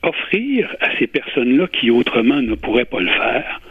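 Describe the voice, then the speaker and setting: Older quebec french guy in his 60s, husky, thoughtful interview answers, echoey phone-ish sound. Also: mid-range voice, big pitch swings, moderate pace. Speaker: interview guest, retired public servant and volunteer. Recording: muffled phone-like radio line with echo.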